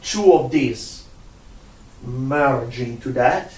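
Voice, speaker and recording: A man's voice: mid-range voice, extremely slow. A man teaching a one-on-one music lesson, patient, repeating himself and counting out rhythms. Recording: roomy sound from a distant mic.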